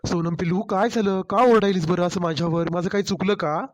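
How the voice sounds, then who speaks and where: A man playing a gentle, fast-talking husband. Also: high-pitched, fairly even intonation, lightly acted. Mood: concerned. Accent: Marathwada Marathi. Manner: coaxing, concerned. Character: caring office-going young husband, gentle. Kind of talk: cartoon story voice acting.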